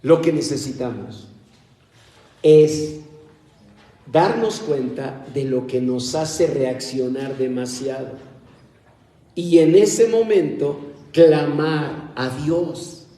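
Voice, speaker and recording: Man, preacher, conversational sermon, playful and teasing, slow delivery, distant mic in a reverberant hall. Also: on the high side, dark tone. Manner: chatty and playful, acts out everyday quarrels, teases the congregation. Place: church hall. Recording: echoey hall heard from far off.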